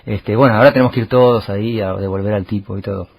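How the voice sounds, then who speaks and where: A man's voice: fairly low pitch, steady tone, fast, gravelly, breathy edge. A man, hosting a radio show and rambling through a comic monologue full of fillers and asides.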